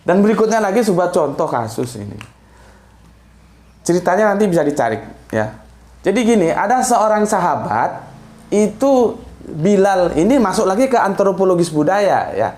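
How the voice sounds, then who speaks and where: This Islamic speaker's voice is high, very animated, and a little mellow, at a moderate pace with frequent pauses. His casual religious talk wanders as he explains, with occasional chuckles and lines tagged with "ya" and "gitu loh." The room echoes noticeably.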